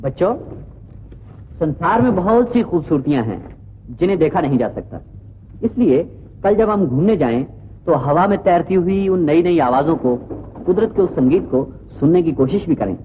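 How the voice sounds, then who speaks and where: An actor playing an earnest, gently persuasive young man who teaches and pleads with his sister, in 1950s film acting. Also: a little high, expressive, normal speed, a little hiss or hum, close to an everyday voice. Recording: tinny old film soundtrack.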